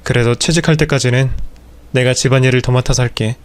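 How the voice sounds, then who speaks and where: A man's voice: mid-range voice, fairly even intonation, fast talker, clear, resonant tone, close to an everyday voice. A man voicing a lazy, excuse-making unemployed husband. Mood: apologetic.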